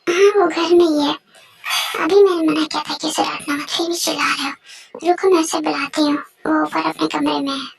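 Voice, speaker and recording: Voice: high-pitched, steady tone, moderate pace, vocal fry, soft background music. A performer voicing a protective mother who sharply defends her son. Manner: sharp, scolding.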